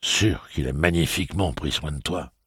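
A man's voice: extremely low pitch, normal speed, slightly rough, no echo, studio quality, heavily acted. A man playing a hardened, stern gunslinger who speaks harshly and solemnly.

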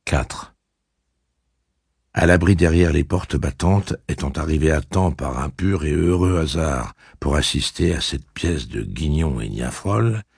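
A man reading a novel aloud with dramatic, lively phrasing and a husky voice. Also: dry recording. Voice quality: deep gravelly husky voice. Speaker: audiobook narrator. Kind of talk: expressive audiobook reading. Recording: dry close recording.

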